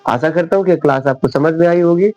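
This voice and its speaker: A man's voice: a little high, fast talker, darkish tone, dull audio. A man teaching English pronunciation in Hindi, with a sore throat, patiently spelling words out letter by letter. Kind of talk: spoken Hindi English lesson.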